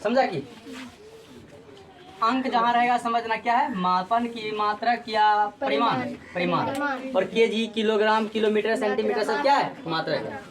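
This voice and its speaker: A woman's voice: a little high, normal speed, crowd noise. A woman teaching a physics class, drilling students with repeated call-and-response questions. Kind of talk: classroom lecture.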